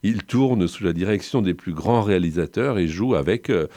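Chatty French radio host, lively pitch. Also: male voice, normal speed, no room sound. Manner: chatty, self-mocking asides, animated intonation. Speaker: radio host of a film music show. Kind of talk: scripted radio presentation with asides. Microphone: studio microphone.

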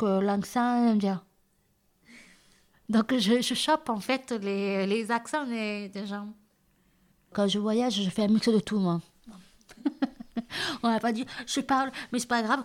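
Hard-of-hearing woman, southern French accent, halting interview answers, mid-pitched. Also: a little mellow. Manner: hesitant, many fillers and restarts. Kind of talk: casual interview.

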